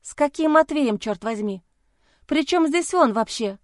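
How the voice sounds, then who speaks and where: A woman's voice: high-pitched, expressive, a little slow, no echo, clean studio sound, pitched above the performer's own voice. A woman voicing a worried young heroine who fires off anxious, urgent questions. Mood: exasperated. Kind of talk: audiobook character voice.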